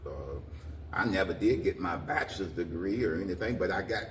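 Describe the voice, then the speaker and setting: In a roomy space some distance from the mic, an older American man with a low voice answers interview questions as a guest and community organization president. His folksy answers exhort listeners in plain terms and often loop back over the same words. He talks briskly, and a little hiss or hum can be heard.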